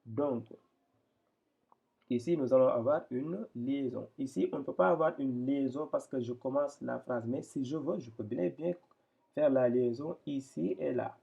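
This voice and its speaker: A man teaches a reading lesson in a patient, step-by-step way, often restarting and repeating himself. His voice has a gravelly edge. The recording sounds slightly dull and muffled. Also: mid-range voice, normal speed, mellow. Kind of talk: explaining Arabic reading step by step.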